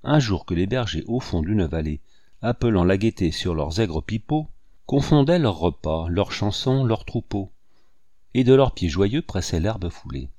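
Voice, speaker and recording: A man reading a poem aloud with tenderness and measured pacing. His low, warm voice swells at dramatic moments. The recording is dry and close. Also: animated, dry recording. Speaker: audiobook reader. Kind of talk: expressive poetry reading.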